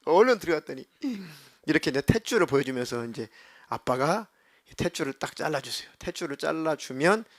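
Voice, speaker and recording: Speaking a little fast in a higher-leaning voice, this middle-aged male pastor gives a lively youth sermon, voicing the characters in his story and playfully chiding the listeners. Studio-quality recording, no echo.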